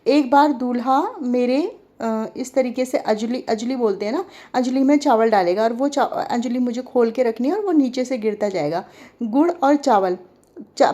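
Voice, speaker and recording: A woman's voice: fairly high pitch, moderate pace, a little mellow, muffled recording. A woman in her forties from Delhi, chatting casually over old home video footage and talking straight to her viewers. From Delhi, India. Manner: chatty, talks straight to viewers and asks them questions. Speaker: vlogger.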